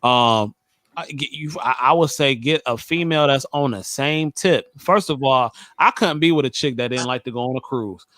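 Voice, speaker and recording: A man's voice: medium pitch, normal speed, a bit bright, no echo. A man in his thirties hosting a casual panel chat, giving blunt, emphatic advice with easy laughs. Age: 30s. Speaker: podcast host.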